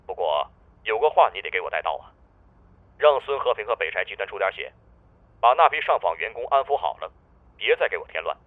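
A man's voice: fairly low pitch, very animated, brisk, dry recording, voice pushed down. A man voicing a jovial middle-aged male provincial official who talks over the phone in an easygoing, joking way. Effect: phone line. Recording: tinny phone-line sound.

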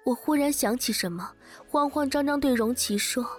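A woman's voice: high-pitched, normal speed, soft background music. A woman narrating a romantic story in the first person, emotional and breaking into tearful cries in the spoken lines. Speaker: audiobook narrator.

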